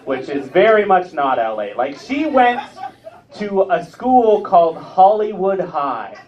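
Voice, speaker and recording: Male comic, late 20s, bouncy animated delivery, chatty crowd asides, far-off muffled club audio. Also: high-pitched, a little slow. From Ontario, Canada. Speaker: stand-up comedian. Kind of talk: live stand-up set. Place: comedy club stage with a live audience. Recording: distant, muffled club recording.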